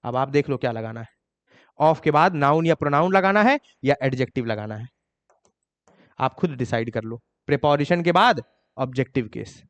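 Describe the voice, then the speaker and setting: A man with an Indian accent teaching an exam-prep grammar lesson. He reads English examples slowly and scolds students for their mistakes. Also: animated, fairly bright tone, in a large hall. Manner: scolding, mocks students' excuses in a higher voice.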